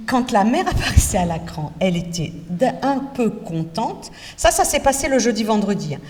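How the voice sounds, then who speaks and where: A woman lecturer teaching future teachers, talking in a lively way and putting direct rhetorical questions to her students. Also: fairly high pitch, moderate pace. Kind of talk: university lecture. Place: lecture hall. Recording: echoey lecture hall from far off, faint noise.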